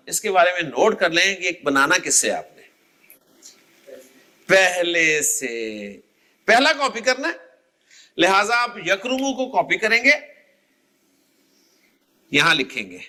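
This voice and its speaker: A man teaching Arabic grammar in a lecture, quizzing listeners and repeating word forms slowly. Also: very high-pitched, sharp tone. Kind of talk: classroom lecture.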